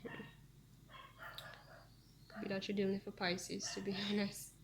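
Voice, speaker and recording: Woman tarot reader, casual and meandering, mid-pitched with a gravelly edge. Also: little pitch movement, normal speed, noisy background. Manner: chatty, meandering, frequent ums. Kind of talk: casual tarot reading to viewers.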